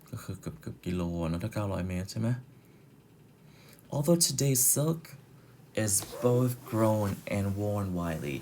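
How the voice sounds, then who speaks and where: Low, mellow-voiced male teacher. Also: animated, creaky, a little hiss or hum. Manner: reads English slowly, then explains in Thai with pronunciation tips. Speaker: English teacher. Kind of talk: explaining a reading line by line.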